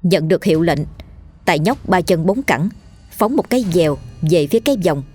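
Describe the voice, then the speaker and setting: A woman with a Southern Vietnamese accent narrating a ghost story in a lively, colloquial storytelling manner. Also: fairly low pitch, fairly quick, breathy edge, faint music behind.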